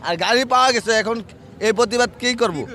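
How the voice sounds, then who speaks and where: A man with a high voice talks at a street protest, agitated and halting, breaking off and restarting his sentences. He is recorded outdoors. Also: pushed and bright.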